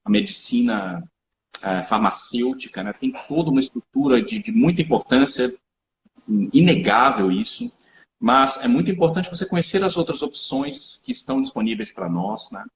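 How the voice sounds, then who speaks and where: A man's voice: medium pitch, big pitch swings, moderate pace. A man explaining health topics in a live-stream conversation, lecturing and often checking in with tag questions. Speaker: researcher and supplement company founder. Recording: echoey room with faint background noise.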